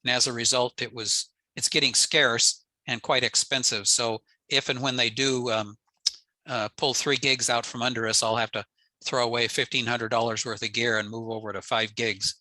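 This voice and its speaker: A man's voice: mid-range voice, little pitch movement, moderate pace, bright, forceful tone, no echo, low-quality recording. An older American man giving an informal technical slide presentation in a matter-of-fact, plain-spoken way. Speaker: presenter, amateur radio enthusiast. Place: indoors, on a video call.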